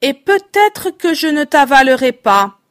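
A woman's voice: high voice, big pitch swings, measured pace. A woman voicing a little old lady in a storybook who is a giant spider and threatens to swallow the boy. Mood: menacing. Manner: sweetly threatening.

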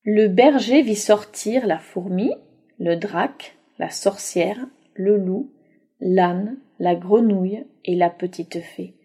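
Woman storyteller, slow and animated, mellow dark tone. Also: mid-range voice, slightly rough. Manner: slow, lively intonation. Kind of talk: storybook reading aloud.

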